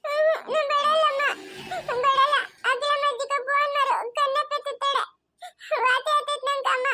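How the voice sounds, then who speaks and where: A woman's voice: very high-pitched, flat delivery, normal speed, over music. A woman voicing a sick, clingy little girl who whimpers and pleads to be carried, in a family moral drama. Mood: whiny tearful.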